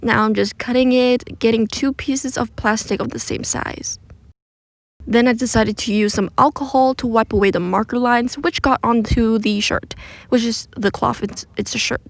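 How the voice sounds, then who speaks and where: A woman's voice: a little high, steady tone, normal speed, gravelly, no room sound. A woman recording under a blanket, giving a casual, self-deprecating voice-over for a craft tutorial. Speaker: craft video creator narrating a DIY attempt. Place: recording under a blanket, close and muffled from room sound.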